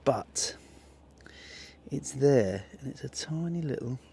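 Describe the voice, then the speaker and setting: A chatty, excitable man from England narrates his metal-detecting finds straight to camera. He talks to his viewers in a casual way, recorded outdoors in a wet field on a camera mic. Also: mid-range voice, takes it slowly, gravelly, husky.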